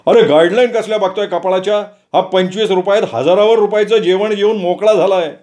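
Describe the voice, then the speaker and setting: A man's voice: high-pitched, brisk, a little mellow, voice pushed up, close to an everyday voice. Man doing a flustered hotel manager. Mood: pleading. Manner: exasperated, pleading. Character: flustered middle-aged male hotel manager.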